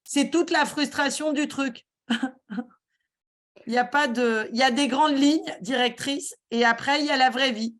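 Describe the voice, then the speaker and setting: A woman giving a talk on a webinar, halting often with fillers and restarts. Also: sits high, a bit bright. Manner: hesitant, many fillers and restarts. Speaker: guest speaker.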